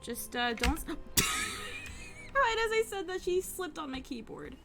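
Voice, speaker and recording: A woman livestreaming in a high voice that leaps up and down as she chats, coos at her pets and swears with abandon. Music plays steadily under her voice. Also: big pitch swings, slow, vocal fry. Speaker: streamer. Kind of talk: casual live-stream chatter while gaming. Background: background music.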